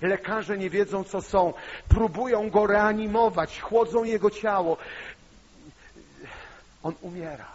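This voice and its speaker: A man preaching a sermon, telling a personal story with emotion and rising to loud, impassioned peaks. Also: high-pitched, takes it slowly, pauses often, slightly rough. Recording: muffled sound with long hall reverb.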